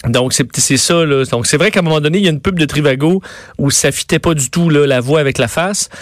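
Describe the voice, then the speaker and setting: A male radio columnist with a Quebec French accent recounts offbeat news in a relaxed, chatty way. He pauses often on fillers as he talks. His voice is slightly high and sounds close and dry. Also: dry recording. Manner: chatty storytelling, many fillers. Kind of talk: casual radio chat.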